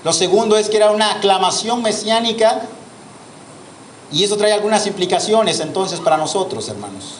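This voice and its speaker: A man with a Mexican Spanish accent, preaching a sermon in a church, addressing the congregation with drawn-out emphasis and rhetorical questions. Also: high-pitched, fairly even intonation. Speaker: pastor. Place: church hall. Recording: echoey church hall with faint noise.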